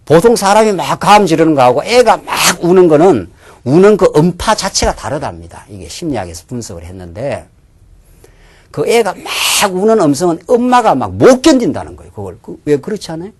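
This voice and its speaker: A man preaching a sermon in a church, asking his listeners questions and answering them himself, sometimes dropping to a hushed near-whisper. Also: a little high, very animated, brisk. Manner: drops to a hushed near-whisper for inner thoughts. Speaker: pastor.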